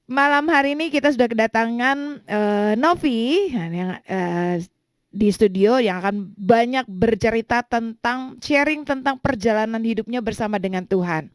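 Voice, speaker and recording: Woman, radio host, chatty talk-show manner, fairly high voice, dry close sound. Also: normal speed, dry recording. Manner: chatty, friendly, with frequent fillers. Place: radio studio.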